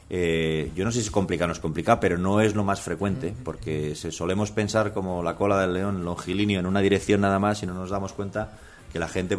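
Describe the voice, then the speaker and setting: A man's voice: deep voice, slight background noise. Playful older man, Spanish accent. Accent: Peninsular Spanish. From Madrid, Spain. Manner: playful storytelling, acts out quoted voices, rambling asides. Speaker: guest author and radio humorist. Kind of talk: casual radio interview chat.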